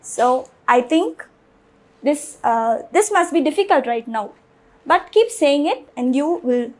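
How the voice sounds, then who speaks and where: Woman, high voice, slow deliberate pace, patient language teacher, repeats words for learners. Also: lively intonation, low-quality recording. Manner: patient, repeats each word several times. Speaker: French teacher. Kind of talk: slow classroom-style language lesson.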